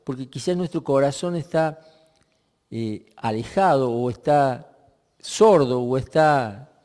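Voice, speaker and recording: A man preaching a Sunday sermon, reflective and unhurried, often pausing and restarting his sentences. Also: mid-range voice, a little mellow, big-room sound. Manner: reflective, with many pauses and restarts.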